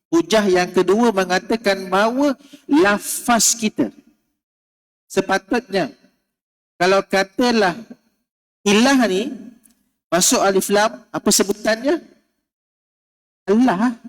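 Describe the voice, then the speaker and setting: A man with a Malaysian Malay accent lectures on religion in a high voice. He explains patiently, repeats key words and checks in with his listeners. The sound carries a long reverb from a large hall. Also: takes it slowly, pauses often. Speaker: religious teacher. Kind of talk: mosque lecture.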